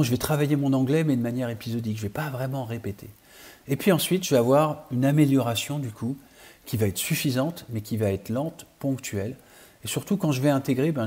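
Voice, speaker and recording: Husky, mellow-voiced man coaching learners. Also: mid-range voice. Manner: steady explanatory, speaks directly to learners. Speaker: coach and trainer. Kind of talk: online training lesson.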